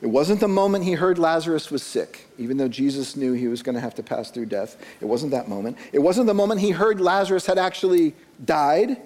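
A male pastor preaching at an unhurried, deliberate pace. His voice sits a little above the usual male pitch. He swings between hushed, quiet stretches and emphatic lifts on key phrases. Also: long reverb tail. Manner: slow and deliberate, dropping soft then rising emphatic. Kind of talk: sermon.

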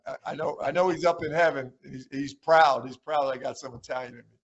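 Sounding lo-fi, a slightly fast, higher-pitched male voice belongs to a retired basketball coach in his sixties guesting on a podcast. He's an animated storyteller in this casual conversation, performing the quotes he recounts.

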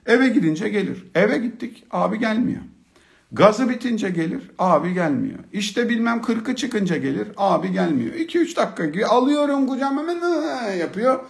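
Middle-aged male storyteller: gravelly voice, very animated delivery, humorous and colloquial, drops to hushed tones then gets excited. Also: high voice, normal speed. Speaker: speaker telling a personal story about fatherhood. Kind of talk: storytelling talk.

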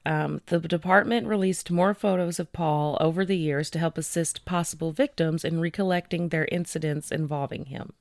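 A woman's voice: deep voice, steady tone, no room sound, studio quality. A woman co-hosting a true-crime podcast, talking through cases in a casual, chatty way. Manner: conversational, chatty with fillers, reads details slowly. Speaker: podcast co-host presenting cases.

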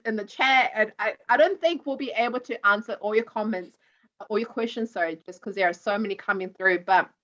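A woman's voice: mid-range voice, a bit bright, dull audio. A woman hosting a chatty live podcast in a gushing, appreciative manner. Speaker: podcast host.

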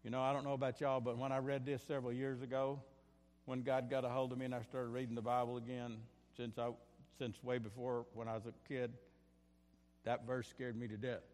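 Impassioned preacher in a church hall. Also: male voice, mid-range voice. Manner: impassioned, rising and falling in bursts, repeats phrases. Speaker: pastor. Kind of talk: sermon. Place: church sanctuary.

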